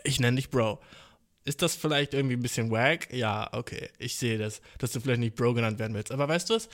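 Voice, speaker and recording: A man's voice: medium pitch, a little fast. A young man hosting a casual solo podcast, hyperactive and playful, full of slang and swearing, who keeps calling the listener bro. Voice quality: slangy, swears a lot, says bro constantly. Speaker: podcast host. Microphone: phone in hand.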